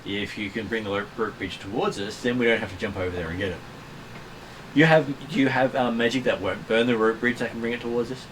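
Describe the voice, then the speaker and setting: A man's voice: medium pitch, fairly even intonation, quick pace, fairly bright tone, poor audio. A man running a tabletop role-playing game as game master, explaining things in a hesitant way. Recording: faint room hum and noise.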